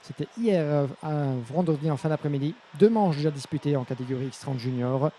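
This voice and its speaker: A man commentating live on a kart race as a motorsport commentator, growing excited when the action heats up. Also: a little high, brisk, slight background noise.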